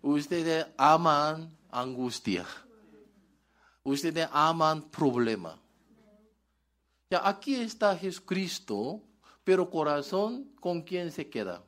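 A man's voice: a little high, lively intonation, slow, pauses often, a bit bright. A male pastor preaching a sermon in broken, article-dropping Spanish, asking the congregation questions and answering them himself.

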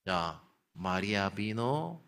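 Slow-paced male preacher telling a story. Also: lowish voice, vocal fry, clear, resonant tone. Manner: asks the listeners rhetorical questions and answers them; animated retelling, slips into character voices. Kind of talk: storytelling sermon.

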